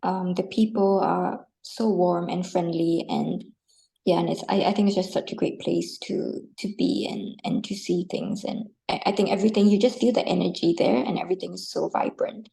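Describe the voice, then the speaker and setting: A woman's voice: fairly low pitch, fairly even intonation, moderate pace, vocal fry, dark tone. A woman from Singapore, a guest on an interview podcast, speaking in a friendly, casual way with fillers like "like" and "you know". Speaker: guest, art publisher. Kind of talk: conversational interview.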